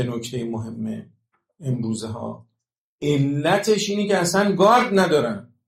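A man delivers a religious talk with a rough, gravelly edge to his voice. He explains his points patiently and keeps checking in with rhetorical questions. The sound rings out in an echoey room. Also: medium pitch, darkish tone. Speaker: religious lecturer.

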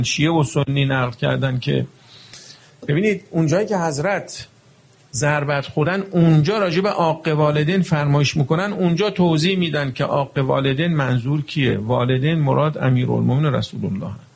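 A man's voice: on the high side, vocal fry. A male preacher giving a religious lecture, emphatic and full of rhetorical questions to his audience.

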